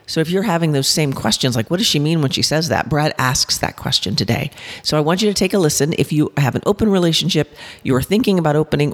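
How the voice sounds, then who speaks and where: A woman hosting a podcast, chatty and upbeat, recorded in a big echoey room in a house mid-remodel. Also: sits low. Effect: big echoey room sound from a house mid-remodel. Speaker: podcast host. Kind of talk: casual podcast intro and interview chat. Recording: echoey room with long reverb.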